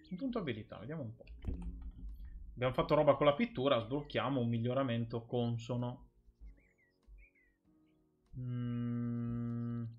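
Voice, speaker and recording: A man's voice: medium pitch, dull audio. A man streaming a game live, chatting and joking with his viewers as he plays. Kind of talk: casual live gameplay commentary.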